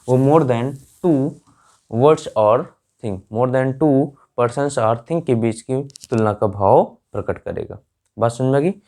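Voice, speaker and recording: A man's voice: medium pitch, darkish tone. Indian man teaching, checking in with rhetorical questions. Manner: keeps checking with listeners, repeats key words with rhetorical questions; explains slowly, stretching English example words. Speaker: English teacher. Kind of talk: classroom grammar lesson.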